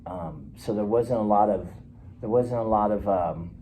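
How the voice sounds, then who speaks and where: A man playing a troubled fifty-one-year-old client sent by the court in a counseling role-play, talking in a hesitant, halting, earnest way. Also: fairly low pitch, gravelly, dark tone, slight background noise, rough recording. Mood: subdued.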